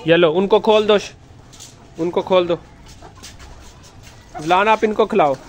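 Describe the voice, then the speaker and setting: With a high-pitched, slow voice, a man films his chickens first-person on a handheld phone out on a rooftop with coops, gently instructing and coaxing children as they feed the birds. The high frequencies of the recording are cut off.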